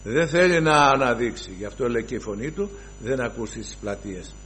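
A man preaching a sermon to his brothers, emphatic, swinging from loud exclamations to hushed asides and reciting scripture in formal archaic wording. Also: medium pitch, lively intonation, slight background noise. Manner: addresses the listeners as brothers.

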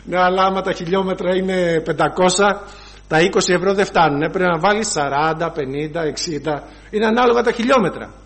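Male preacher, high-pitched, lively storyteller who acts out the scenes. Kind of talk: sermon.

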